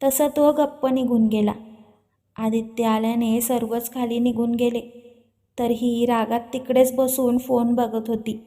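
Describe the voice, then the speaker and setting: A woman narrating a serialized drama story in a steady reading. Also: a little high, measured pace.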